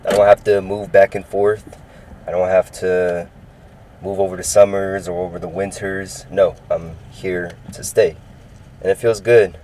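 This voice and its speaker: He speaks low and unhurried, with little movement in pitch and a slightly mellow quality, over some background noise on poor audio. An upbeat California man in his early twenties, he rambles through his own casual sports podcast and keeps repeating points.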